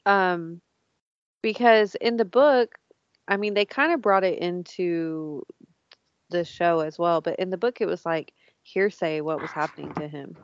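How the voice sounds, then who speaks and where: A woman's voice: lowish voice, unhurried, no echo. A woman chatting casually about a TV show, laughing often and swearing, with lots of fillers. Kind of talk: casual chat. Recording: dull, lo-fi dry sound.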